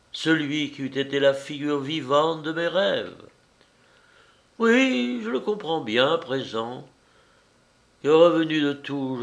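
A man reading the lines of a passionate, seductive married woman who is torn between duty and desire, in a raised, impassioned voice. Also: medium pitch. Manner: impassioned, pleading.

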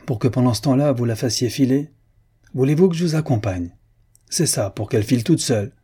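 A man reading aloud who voices a suave, mocking gentleman, curt but courteous. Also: mid-range voice, lively intonation, brisk, husky, voice pushed up. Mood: cool, cutting. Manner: cutting yet courteous.

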